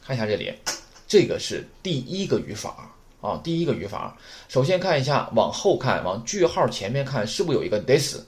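Man, language teacher, casual lecture, lively pitch, keeps asking rhetorical questions. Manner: chatty, rhetorical questions, repeats points slowly.

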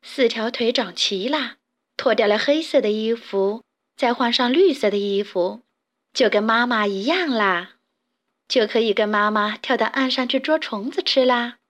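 A woman doing a gentle mother frog. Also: a little high, moderate pace, close to an everyday voice.

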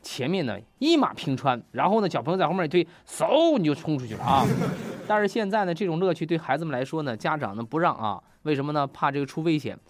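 A man's voice: a little high, animated, quick pace, dry recording. A man hosts a comic radio show, reading jokes and laughing at his own punchlines. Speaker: radio host.

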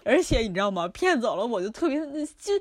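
Fast-talking woman with a lilt. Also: mid-range voice. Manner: rapid, animated, swears freely. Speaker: podcast co-host. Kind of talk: casual chat, storytelling.

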